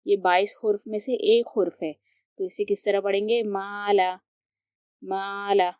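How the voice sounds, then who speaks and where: A woman's voice: mid-range voice, fairly even intonation, brisk, a little mellow, no room sound, clean studio sound. A woman teaching Quran reading to beginners, who patiently repeats each example word and asks her students questions. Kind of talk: step-by-step tajweed lesson.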